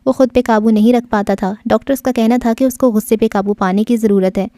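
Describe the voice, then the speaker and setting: A woman's voice: a little high, fairly even intonation, mellow, no room sound, studio quality. A woman narrating an audio novel, reading steadily and expressively.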